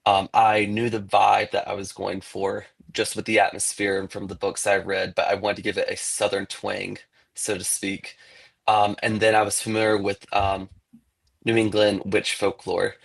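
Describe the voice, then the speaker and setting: A man's voice: fairly low pitch, completely flat delivery, normal speed, vocal fry. A man, an author, talking casually in an interview about his book, rambling with many fillers.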